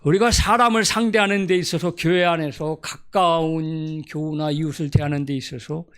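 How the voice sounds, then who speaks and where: A man's voice: fairly high pitch, vocal fry. A middle-aged man from Gyeonggi Province preaching a Sunday sermon as pastor, telling folksy, humorous stories and acting out dialect quotes. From Gyeonggi Province, South Korea.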